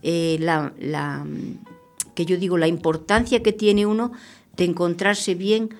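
Earnest older nun, lowish voice. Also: female voice, fairly even intonation, faint music behind. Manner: earnest, unhurried, repeats herself while thinking. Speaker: missionary nun. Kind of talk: radio interview, reflective testimony. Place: radio studio.

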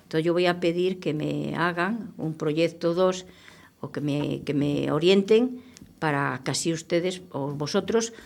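A woman's voice: low-pitched, measured pace, gravelly, a little mellow. An older woman, a missionary nun, speaking earnestly and unhurriedly in a radio interview, often repeating herself as she thinks. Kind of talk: radio interview, reflective testimony. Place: radio studio.

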